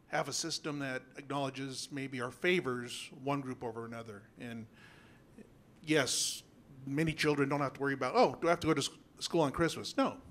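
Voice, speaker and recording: A man in his thirties from a reservation in Washington speaks into a handheld microphone in a public meeting room. His talk is earnest and halting, and his voice has a nervous tremor. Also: mid-range voice, fairly bright tone. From Yakama Reservation, Washington. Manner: halting, earnest, clears throat often. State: nervous, voice shaking. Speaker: school board member. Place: school board meeting room.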